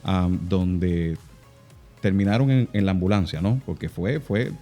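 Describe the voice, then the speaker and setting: Guy host interviewing, low mellow voice, stumbles and repeats, faint music behind. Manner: halting, repeats words, exclamatory.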